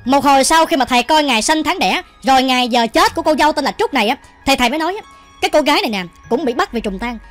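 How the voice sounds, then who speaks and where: A woman with a Southern Vietnamese accent tells a ghost story at a racing pace. Her voice is high and chatty, and she keeps speaking to her listeners directly. Soft music plays faintly behind her. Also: expressive, racing. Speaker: storytelling channel host. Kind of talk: ghost story narration while cooking.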